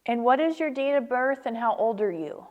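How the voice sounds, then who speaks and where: A woman with a slightly high voice acts as the interviewer for an oral history. She puts prepared questions plainly, one after another. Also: expressive, moderate pace, dull audio.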